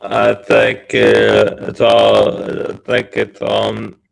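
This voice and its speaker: A man's voice: lowish voice, monotone, vocal fry. Man with a robotic, glitching voice. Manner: halting, stop-start speech. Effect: robotic, glitching call distortion. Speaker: panel guest. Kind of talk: live online panel talk. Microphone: video call.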